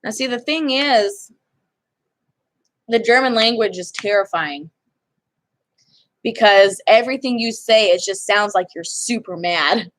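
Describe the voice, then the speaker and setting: Speaking at a measured pace with long pauses, this mid-range, fairly bright female voice belongs to a young vlogger. She chats casually, rambling and cutting herself off mid-sentence.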